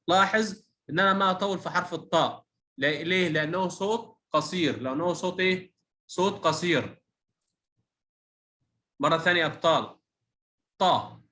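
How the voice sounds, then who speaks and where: A male teacher with a bright, sharp voice leads a children's reading lesson. He drills short sounds one at a time, asks questions for the class to answer back, and praises often. His voice sits high. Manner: drills syllables slowly with call-and-response questions; encouraging praise.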